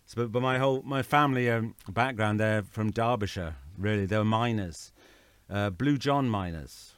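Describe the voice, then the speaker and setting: A man from England with a lowish voice chats easily as a guest over a video call. He laughs freely, and the sound is dry and close-miked. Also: normal speed, clean tone, no room sound. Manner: relaxed, chatty, laughs easily. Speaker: guest artist.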